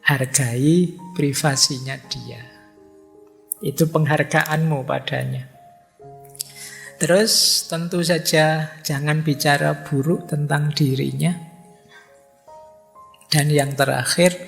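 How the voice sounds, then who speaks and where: Guy giving a chill lecture, kinda gravelly, acts out little dialogues, soft music under it. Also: a little high. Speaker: Islamic philosophy lecturer. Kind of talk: relaxed lecture to a live audience.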